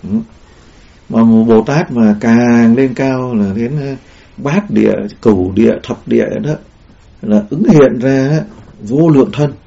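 A man's voice: mid-range voice, a little slow, gravelly, dark tone. A man giving a Buddhist dharma talk in a rambling way, with many fillers and restarts. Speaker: Buddhist teacher. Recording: dull lo-fi recording.

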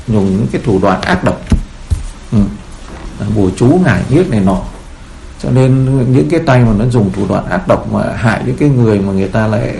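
A man's voice: mid-range voice, gravelly, dark tone, slight background noise. A man as a Buddhist teacher giving a sermon, telling stories in a rambling way with many fillers, in a roomy echo.

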